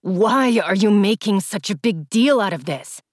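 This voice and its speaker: A woman voicing a defensive, angry teenage male football star, lowering her voice and speaking curtly. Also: animated, unhurried, no room sound, clean studio sound.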